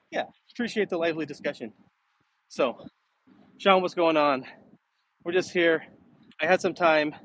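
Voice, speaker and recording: A middle-aged American man walks outdoors through city streets, casually and easygoing answering viewer comments on his live stream. He has a fairly high, somewhat bright voice. The recording is rough and picks up outdoor ambient noise as he walks.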